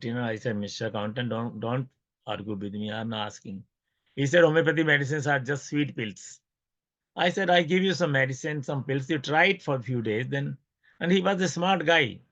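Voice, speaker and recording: Guy lecturing, tells stories n acts out the dialogue, bright voice, kinda muffled lo-fi audio. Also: on the high side. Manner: storytelling, acts out both sides of dialogues. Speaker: homeopathy lecturer. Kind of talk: informal lecture with anecdotes. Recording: dull lo-fi recording.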